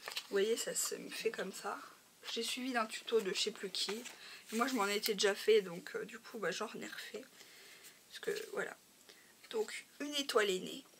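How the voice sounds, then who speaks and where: A woman's voice: medium pitch, moderate pace, slight background noise. A woman with a slightly nasal, stuffed-up voice, casually showing her crafts, hesitating often and sometimes dropping to a near whisper. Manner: hesitant, many fillers, drops to a soft whisper at times. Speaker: crafting vlogger. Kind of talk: casual show-and-tell.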